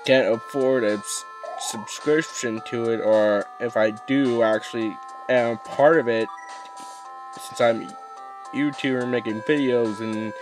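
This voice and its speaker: A young man rambling through casual let's play commentary, swearing often and restarting his sentences. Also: medium pitch. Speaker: gaming YouTuber.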